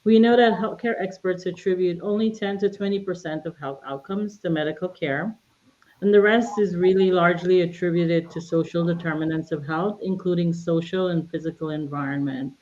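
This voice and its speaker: A woman from Guyana gives a prepared talk as a health plan executive, measured and formal. Her voice is lowish and comes through dull, muffled call audio. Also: steady tone, a little mellow. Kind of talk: prepared presentation.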